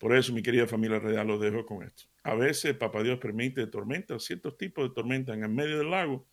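A man's voice: medium pitch, fairly quick. A middle-aged man giving a radio devotional sermon, telling stories animatedly and acting out the dialogue. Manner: animated storytelling with laughs and voiced dialogue. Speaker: radio preacher.

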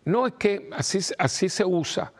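A man's voice: sits high, lively intonation, normal speed, voice pushed up. A man doing a breezy young altar boy. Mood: nonchalant. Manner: dismissive, matter-of-fact. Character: young boy altar server, casual, unbothered.

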